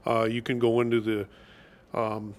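A man's voice: lowish voice, completely flat delivery, moderate pace, a little mellow. An older man in the audience recommending a trip, rambling with fillers. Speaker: audience member. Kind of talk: casual chat. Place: library meeting room. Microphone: far camera.

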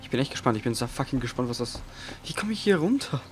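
A man giving casual commentary over his own gameplay. He is excitable, swears often, and swings between quiet mumbling and loud outbursts. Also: medium pitch, fast talker, music in the background. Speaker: let's play gamer.

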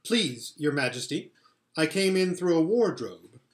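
A man's voice: fairly high pitch, sing-song, unhurried. A man voicing a timid, confused young boy in a storybook, meek and deferential. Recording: roomy indoor home recording.

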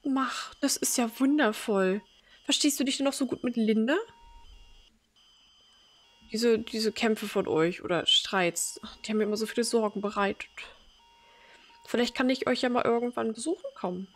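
A woman's voice: on the high side, normal speed, long pauses. A woman voicing an elderly mother who is sweet, doting and forgetful, reading a game's dialogue aloud. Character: confused elderly mother, gentle then frightened.

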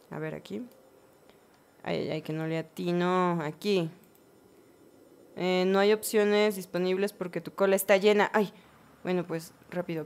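A woman giving casual let's-play commentary, chatting to her game characters with bursts of excited exclamations. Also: fairly low pitch. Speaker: gaming channel host.

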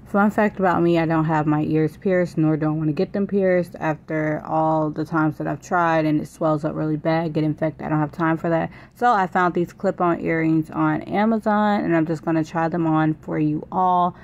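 A woman's voice: sits low, fairly even intonation, moderate pace, few pauses, a little mellow, lo-fi sound. A young woman vlogger giving a casual product review and try-on. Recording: noisy home phone recording.

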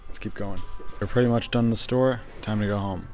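A man's voice: on the low side, brisk, loud music behind the voice. Laid-back young man vlogging by phone. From Switzerland. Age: young adult. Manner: relaxed, wry commentary to a handheld camera. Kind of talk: casual vlog narration. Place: shops and streets of a town, indoors and outdoors. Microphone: phone camera held by hand.

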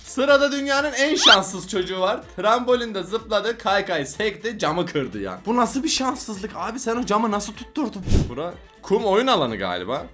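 A man chats through a string of funny videos in a loose, joking way, laughing often and teasing the children on screen. His pitch leaps up and down with every reaction. Soft music plays underneath. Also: very animated, normal speed, hardly any pauses. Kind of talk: casual reaction commentary.

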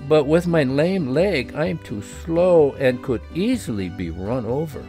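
A man voicing a lively young female traveler with a lame leg, exclaiming and teasing. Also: a little high, a little slow, soft background music. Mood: chatty. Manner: exclaiming, teasing, uses Spanish words.

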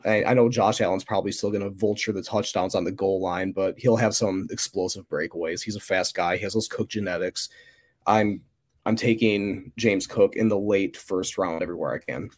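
A man with a lowish voice lays out his pick in a measured way. He hedges often and fills pauses with filler words. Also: steady tone. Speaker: podcast panelist. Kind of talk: casual fantasy football chat.

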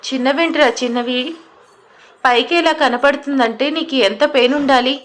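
A woman's voice: high-pitched, normal speed, fairly bright tone. A woman voicing a worried, suspicious middle-aged mother who keeps pressing her son with questions in an audio story. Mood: alarmed.

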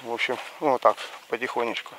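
A man in his forties chats in a casual, rambling way, with a slushy lisp on s and sh. His voice sits at an average pitch for a man. He is outdoors with a handheld camera, with faint rural noise behind him. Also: steady tone, quick pace, a bit bright, low-quality recording. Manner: slushy lisp on s and sh sounds after a pulled lower tooth. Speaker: village life vlogger. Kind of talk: casual rambling vlog chat. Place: outdoors in a village yard and garden. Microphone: action camera held at arm's length.

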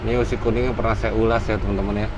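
A man with a fairly low voice talks casually to his viewers, tossing in tag questions as he shows items one by one. The handheld camera picks up a steady hum of air conditioning and traffic from outside, so the recording sounds noisy. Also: rapid-fire. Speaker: channel host showing his collection. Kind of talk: casual handheld show-and-tell. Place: dim indoor room.

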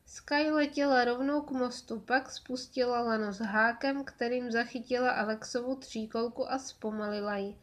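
A woman narrating a children's audiobook in a clear, measured storytelling voice. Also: a little high, fairly even intonation.

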